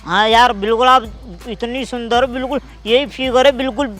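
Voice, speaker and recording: A man's voice: very high-pitched, steady tone, a little fast, loud music behind the voice. A man acting a pushy young man who keeps insisting a stranger looks like his crush in a comedy sketch. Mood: insistent. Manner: insistent, wheedling, says "yaar" constantly.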